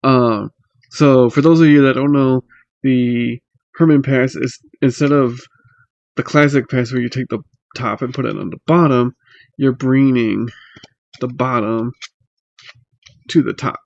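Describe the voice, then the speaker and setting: A man giving a casual, unscripted tutorial in a halting, hesitant way, pausing mid-phrase, recorded on a laptop microphone. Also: mid-range voice, fairly even intonation, gravelly, a little mellow, no room sound, lo-fi sound. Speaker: magic tutorial host. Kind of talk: casual unscripted how-to explanation. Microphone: laptop built-in mic.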